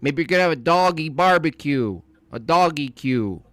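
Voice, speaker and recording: A man's voice: a little high, animated, normal speed, a bit bright, no echo. A man co-hosting a podcast in loose, teasing banter, rambling and laughing at his own jokes. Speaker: podcast co-host. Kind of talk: casual banter.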